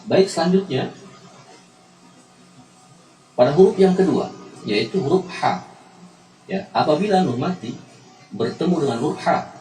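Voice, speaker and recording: A man with an Indonesian accent teaching Quran recitation rules, patiently repeating each example slowly. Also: medium pitch, a little mellow. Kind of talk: tajwid lesson with slow recited examples. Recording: echoey room, mic at a distance, faint music.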